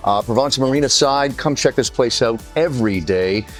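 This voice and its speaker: A man hosting a TV segment in a restaurant, jokey and energetic as he wraps up the show. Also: medium pitch, normal speed, faint music behind. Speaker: host. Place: restaurant, Vancouver.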